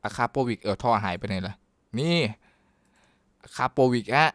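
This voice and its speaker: A man giving casual, excitable commentary while playing a driving game, joking and talking to his viewers. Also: medium pitch, takes it slowly, no echo. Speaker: gaming YouTuber.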